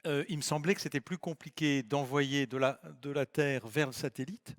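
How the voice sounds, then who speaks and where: A man's voice: on the high side, fairly even intonation, normal speed. A man moderating a panel, asking questions in a chatty, informal way.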